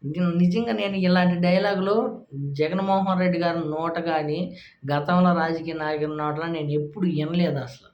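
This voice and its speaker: A man's voice: fairly high pitch, little pitch movement, a little fast, reverberant, muffled recording, a little hiss or hum. A man commenting sarcastically on political speech clips in a casual, scoffing way.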